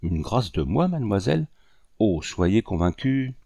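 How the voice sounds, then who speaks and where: A man's voice: fairly low pitch, very animated, measured pace, creaky, mellow, dry recording, clean studio sound, exaggerated voice. A man voicing a grave, courtly rebel commander. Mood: eager devotion. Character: proud, sorrowful colonial rebel commander, grown man.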